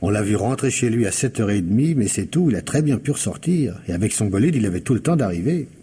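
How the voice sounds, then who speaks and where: In a French radio mystery, a man plays a patient police investigator who won't let his suspicions go. His lowish voice is warm, expressive, quick, and slightly rough, and he questions people conversationally, pensive, hesitant, and insistent by turns.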